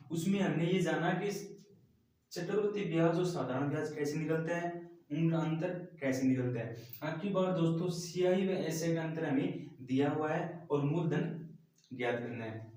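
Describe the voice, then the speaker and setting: A man's voice: a little high, normal speed, darkish tone. A man teaching a math lesson step by step, often addressing the class as friends. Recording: very echoey room, mic at a distance.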